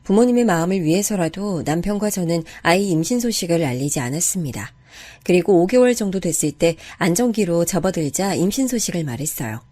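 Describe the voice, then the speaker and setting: A woman narrating a first-person true-life story in a calm, confiding way. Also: fairly low pitch, fairly quick. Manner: calm, confiding, even-paced.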